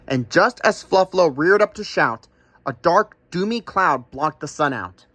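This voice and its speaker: Guy reading a rhymy kids book, lively bouncy pitch, bright, dry close sound. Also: a little slow, no room sound. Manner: sing-song, playful. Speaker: storyteller. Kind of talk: rhyming picture-book read-aloud.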